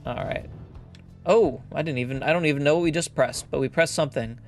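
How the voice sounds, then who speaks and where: A man's voice: fairly high pitch, brisk. A man hosting a let's play, musing aloud casually and reading game text as he plays. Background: faint game music.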